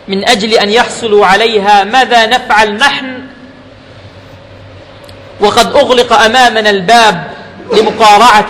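A man's voice: high voice, a bit bright. Male preacher, emphatic sermon delivery, long hall reverb with faint noise underneath. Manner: emphatic, mixes formal oratory with colloquial asides. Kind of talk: Friday sermon. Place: mosque.

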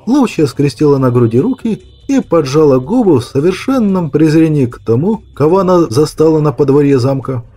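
A man narrating an audiobook with dramatic, lively storytelling. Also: fairly high pitch, fairly quick, few pauses. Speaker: audiobook reader.

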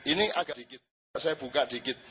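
A man's voice: mid-range voice, a little fast, breathy edge. A man preaching to an audience, conversational, asking rhetorical questions and acting out quoted speech. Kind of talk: religious talk to a live audience. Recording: lo-fi hall recording.

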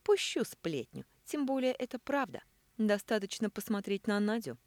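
A woman's voice: medium pitch, big pitch swings, normal speed, a little mellow, dry recording, voice pushed up, lightly acted. A woman voicing a vengeful, scheming woman who taunts in a sugary, cold tone, reading an audiobook.

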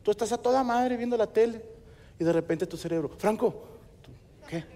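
High-voiced Mexican comic in a hall. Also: male voice, dark tone. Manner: crude slang, acts out voices in quick asides. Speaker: stand-up comedian. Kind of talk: stand-up comedy set. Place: large theater stage, live audience.

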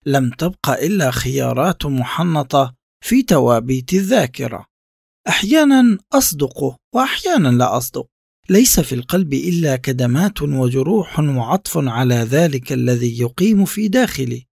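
A man reading a reflective first-person literary text in a measured, contemplative way. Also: medium pitch, animated, vocal fry, a little mellow, breathy edge, no echo, clean studio sound. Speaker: narrator.

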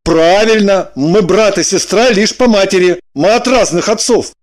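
A man's voice: high-pitched, normal speed. A man voicing a dry, sardonic man in an audiobook, matter-of-fact and mocking.

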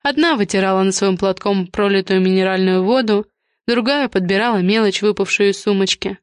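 Steady woman audiobook narrator. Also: mid-range voice, fairly quick, clear, resonant tone, dry recording. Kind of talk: scripted narration.

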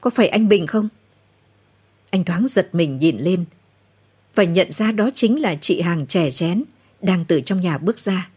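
A woman narrating a novel in a slow, somber late-night reading. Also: fairly low pitch, lively intonation, darkish tone, husky.

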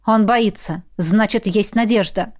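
A woman reading an audiobook, voicing a calm, loyal male mage who speaks low and firm. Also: measured pace, no echo, clean studio sound, natural voice. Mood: encouraging.

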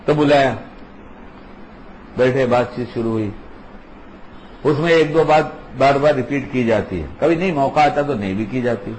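A man's voice: medium pitch, pauses often, a little mellow, slight background noise, low-quality recording. Older man giving an emphatic religious talk. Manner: repetitive, emphatic, conversational teaching. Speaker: religious speaker.

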